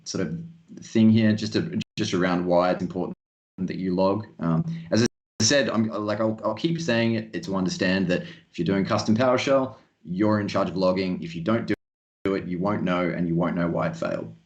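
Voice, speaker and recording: Low-voiced male tech guest. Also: lo-fi sound. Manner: earnest, halting, repeats words. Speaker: guest expert. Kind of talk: casual tech chat.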